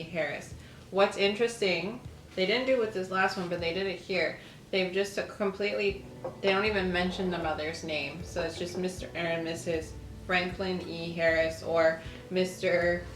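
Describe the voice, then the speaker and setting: A low-voiced woman who hosts a lifestyle video channel chats casually and reads aloud from an old newspaper in an echoey room, with faint music playing underneath.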